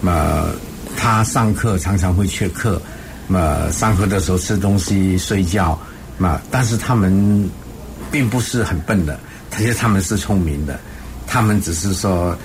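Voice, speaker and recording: Older man, professor, low voice, hesitant conversational answers, clear ambient noise. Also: unhurried. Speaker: professor being interviewed. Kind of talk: conversational interview.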